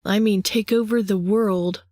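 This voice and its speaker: A woman's voice: mid-range voice, steady tone, measured pace, a little mellow, dry recording, studio quality, close to an everyday voice. A woman voicing a power-hungry vampire man who taunts his younger brother in a sing-song way. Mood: menacing.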